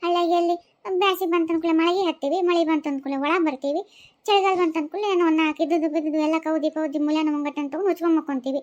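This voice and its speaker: A gossiping village woman chats quickly with her neighbors in a North Karnataka Kannada accent, as a woman voices her. Her voice is high and fast. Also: fairly even intonation, darkish tone, dull audio. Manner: chatty, gossiping. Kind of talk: cartoon voice acting.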